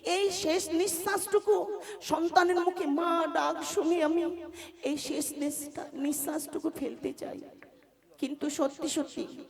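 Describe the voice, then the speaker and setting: Woman playing an aging queen, shrill and sing-song. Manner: pleading, sing-song delivery. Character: aging queen longing to be a mother. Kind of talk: folk stage drama acting. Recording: music playing behind.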